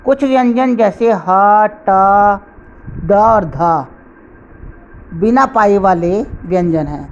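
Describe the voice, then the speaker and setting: Middle-aged woman teacher, grammar lesson, unhurried and deliberate, spells out each example, medium pitch. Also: darkish tone.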